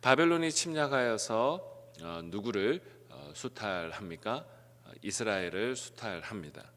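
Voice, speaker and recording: Male pastor, middle-aged, lowish voice with animated swings, preaching in a church hall with long reverb. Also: unhurried. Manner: frequent "eo" fillers, rising then dropping phrases. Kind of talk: early-morning sermon. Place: church sanctuary.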